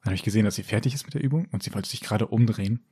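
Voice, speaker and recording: Animated young man telling a story. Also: very fast, husky, no echo, clean studio sound. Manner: animated storyteller acting out quotes with jumps in pitch. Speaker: podcast co-host telling a story. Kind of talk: casual chat.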